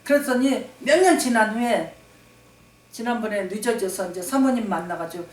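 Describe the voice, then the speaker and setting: Her voice a little high and a little mellow, a woman pastor preaches at a normal speed. She is emphatic, repeating phrases for stress and calling out for amens. The sermon comes from a church sanctuary, recorded with a distant mic in an echoey hall.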